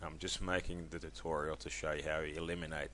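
A man casually walking viewers through a software tutorial, chatty and loose, with many ums and self-corrections. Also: rumbling low, level tone, fast talker, slight background noise. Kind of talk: casual screen-recorded tutorial.

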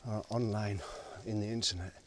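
A vlogger rides his bike along a country road and through woodland, musing aloud in a loose, wandering, unscripted way. His voice is fairly low, with fairly even intonation and normal speed. An action camera mounted on the bike captures noisy outdoor audio.

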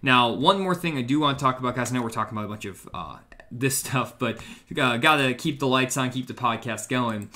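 A man's voice: a little fast, pushed and bright. A young man hosting a live stream, talking casually and eagerly promoting seminars and products with frequent fillers, over a video call from a room at home. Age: young adult. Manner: enthusiastic promotional pitch with fillers. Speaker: host.

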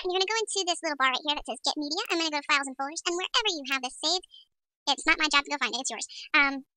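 Sped up into a chipmunk voice, this woman sounds very high-pitched, pushed, and bright, with no room sound but low-quality recording. She chattily rambles through a casual screen-recording tutorial, talking to herself as she edits.

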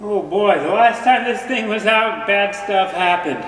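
A young man vlogging from his farm shop, upbeat and energetic, talking to a handheld camera. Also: high-pitched, a little slow, over loud music. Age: young adult. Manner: upbeat, energetic, talks to camera while walking around. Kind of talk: casual vlog narration. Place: large metal farm shop, indoors. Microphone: handheld camera at arm's length.

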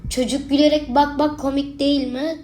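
A woman's voice: high-pitched, level tone, normal speed, darkish tone, faint music behind. A young woman commenting casually while playing a babysitting horror game, chatting to her viewers and talking back to the on-screen baby. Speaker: gaming video creator. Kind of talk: let's play commentary.

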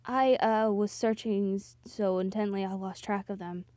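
A gentle, protective young man from a romance game speaks quietly and a little haltingly, read by a woman who drops her voice for him. The sound is dry and close, with no room behind it. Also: medium pitch, dry recording, pitched below the performer's own voice, lightly acted.

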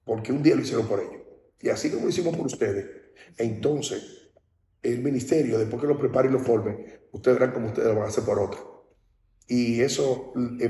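A man from the Dominican Republic preaches at a baptism, talking to the congregation directly and often checking that they follow him. His voice is mellow and warm. He is recorded from some distance in a large, echoing hall. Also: mid-range voice, a little hiss or hum. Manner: conversational preaching, often asks "¿entiendes?". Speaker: pastor. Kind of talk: sermon. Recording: echoey hall, speaker off-mic.

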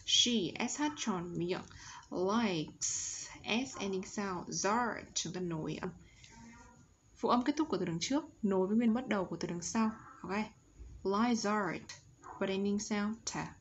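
A Vietnamese woman teaching English to young children online, drilling words slowly and stretching each sound for them to copy. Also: mid-range voice, slight background noise. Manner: slow, exaggerated pronunciation drills.

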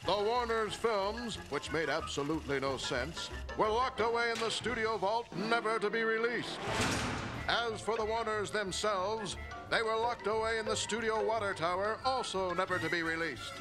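A man voicing a brisk, grand old newsreel announcer in punchy 1930s newsreel narration. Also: high-pitched, music in the background, natural voice, rough recording. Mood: announcing.

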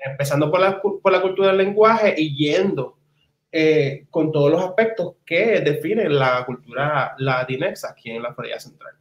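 His voice runs on the high side, animated and at a moderate pace, though the recording is muffled. He's a Puerto Rican community advocate in his thirties, giving emphatic, passionate interview answers in Spanish with bits of English, repeating words to stress them. He's on a video call via computer mic in a small wood-walled room at home, and it sounds roomy and echoey.

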